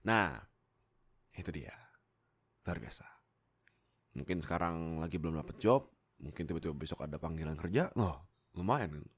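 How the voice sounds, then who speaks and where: A young Indonesian man who creates YouTube content and does voice acting chats casually to his viewers into a close desktop microphone. His voice is deep, creaky and animated, and he rambles playfully, interrupting himself, pausing hesitantly and tossing in jokey asides.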